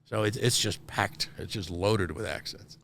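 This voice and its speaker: Man, interview guest, fairly low pitch, casual self-deprecating talk, repeated word starts. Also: a little slow, creaky, fairly bright tone, a little hiss or hum. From Northeastern Pennsylvania. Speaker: theatre general manager, guest.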